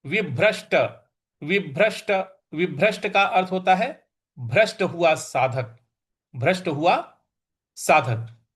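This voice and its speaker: A man with a fairly high voice teaches a recitation lesson. He goes slowly, repeats each word several times and leans hard on single syllables. When he reaches the full verse, he chants it in a drawn-out sing-song. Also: lively intonation, a bit bright, husky. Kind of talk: slow drilled Sanskrit recitation lesson.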